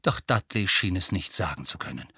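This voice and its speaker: Lively, bright-voiced male audiobook narrator. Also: sits low, fairly quick, slightly rough, no room sound, clean studio sound. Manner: expressive storytelling. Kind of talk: scripted narration.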